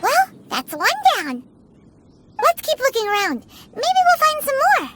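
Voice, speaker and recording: A woman voicing a tiny, perky, cheeky childlike companion in a video game, chirpy and excitable. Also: very high voice, unhurried, exaggerated voice. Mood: excited. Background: game music.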